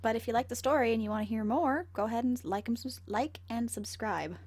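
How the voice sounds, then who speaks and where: A woman narrating scary stories in a conversational, slightly halting way, as an amateur. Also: fairly high pitch, darkish tone. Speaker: amateur horror story narrator. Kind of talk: first-person scary story narration and channel outro. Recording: home recording with faint background noise.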